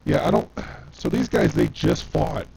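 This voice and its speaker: A man's voice: fairly high pitch, wildly swooping pitch, measured pace, vocal fry, darkish tone, breathy edge. A man in casual chat, his voice coming through with a robotic, transformer-like distortion, rambling with many fillers. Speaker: podcast co-host.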